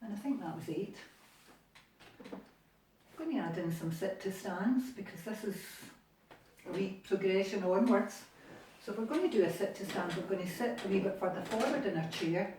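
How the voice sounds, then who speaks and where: A woman's voice: mid-range voice, lively intonation, moderate pace, long pauses, warm tone, slight background noise. A Scottish woman leading an exercise class from a living room, encouraging and chatty as she talks through each move. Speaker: exercise instructor. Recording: echoey room, distant mic.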